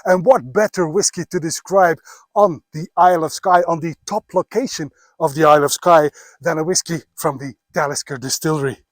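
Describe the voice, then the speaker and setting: A slightly breathless man in his fifties from Belgium, giving a chatty whisky tasting outdoors on a mountain. His voice sits a touch high for a man, and it is recorded close and dry with no room sound around it. He often pauses with "uh" as he talks. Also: no echo. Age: 50s. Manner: chatty, many filler "uh"s. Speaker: whisky blogger.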